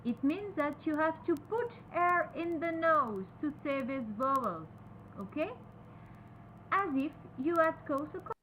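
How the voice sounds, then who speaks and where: Teacher, female, French accent, very slow and deliberate, lively pitch, faint room noise. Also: rough recording. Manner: repeats each word slowly, switches between French and English. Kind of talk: slow, careful pronunciation lesson.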